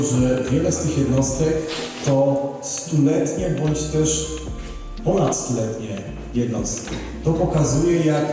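Man, official's ceremonial speech, medium pitch, booming reverb, music behind. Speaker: county governor. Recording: very echoey, music underneath.

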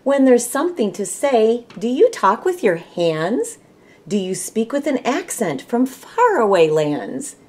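This volunteer storybook reader is a middle-aged Michigan woman whose Midwestern accent colors an expressive children's read-aloud. Her voice sits on the high side, very animated and a touch mellow, moving a little slowly. The setting is a small room inside her home.

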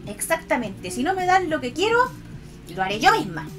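A woman with a Chilean accent chatting casually on a livestream to her viewers, expressive and affectionate in a cutesy, girlish e-girl manner. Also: high-pitched, moderate pace. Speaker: VTuber art streamer. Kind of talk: casual livestream chat, reading and answering viewers' comments. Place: indoors at a computer. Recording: music behind the voice.

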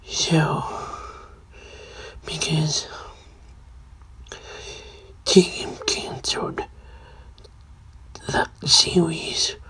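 A man voicing a sinister, creepy hoodie man in a homemade video skit, speaking in a hushed whisper. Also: fairly high pitch, level tone, very slow, long pauses, husky, exaggerated voice.

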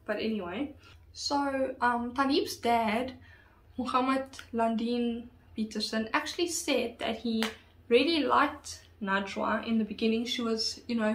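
A woman telling a true crime story in a casual, chatty way, full of fillers and asides. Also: on the high side. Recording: roomy echo.

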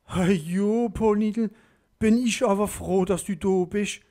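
A man voicing a timid middle-aged Alsatian woman with an Alsatian accent, speaking in a high, strained, pleading way. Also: unhurried, darkish tone, lightly acted. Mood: relieved.

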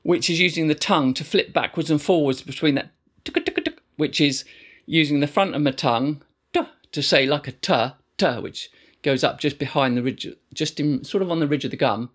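A middle-aged man teaching didgeridoo techniques in a relaxed, rambling way, full of fillers and restarts. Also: a little high, fairly quick. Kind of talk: casual instructional explanation.

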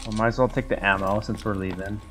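A man's voice: lowish voice, fairly even intonation, quick pace, a bit bright. A man in his thirties giving casual, reactive commentary as a game streamer on a headset. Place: small indoor room. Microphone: headset at a desk. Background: faint game music.

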